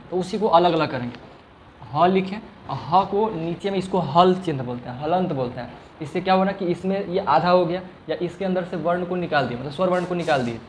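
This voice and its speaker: Here a male teacher runs a classroom grammar lesson, repeatedly asking one question and stretching sounds out as demonstrations, frequently checking understanding. His pitch is fairly high. A bit of hiss or hum is audible.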